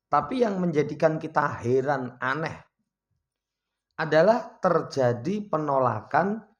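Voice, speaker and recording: Man teaching a lively religious lesson. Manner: reads Arabic text aloud, then explains it with lively shifts in pitch and volume. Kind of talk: kitab study lesson, reading Arabic then explaining.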